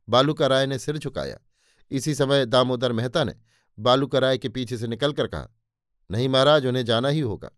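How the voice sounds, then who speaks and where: Male audiobook narrator, dramatic novel reading, medium pitch, dry close sound. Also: no echo. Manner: voices the characters' dialogue with emotion.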